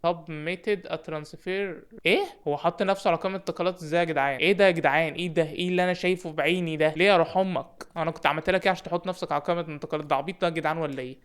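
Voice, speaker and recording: A young man with an Egyptian Arabic accent giving joking, excited commentary on a football game and shouting at his players. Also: on the high side, racing, clean tone. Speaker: gaming YouTuber.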